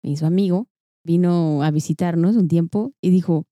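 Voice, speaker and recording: A woman's voice: on the low side, moderate pace, mellow, no echo, clean studio sound. A woman, co-hosting a casual podcast and telling stories animatedly, mimicking people. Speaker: podcast co-host.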